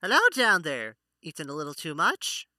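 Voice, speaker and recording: A man's voice: a little high, very animated, normal speed, pushed and bright, dry recording, studio quality, exaggerated voice. A man voicing a friendly female half-elf bard in a tabletop game, with a teasing, secretive manner. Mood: light, teasing.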